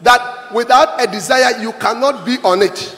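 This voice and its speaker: High-pitched middle-aged male pastor, emphatic sermon, handheld mic in a large church hall with long reverb. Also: measured pace, pushed and bright. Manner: emphatic, repeats lines for the interpreter. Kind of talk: sermon with interpreter.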